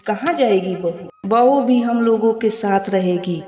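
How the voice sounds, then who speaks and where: A woman voicing a gentle elderly mother, soft but firm. The recording is echoey and slightly muffled. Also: mid-range voice, a little slow, recorded from a distance, lightly acted. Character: gentle elderly mother in an old-age home.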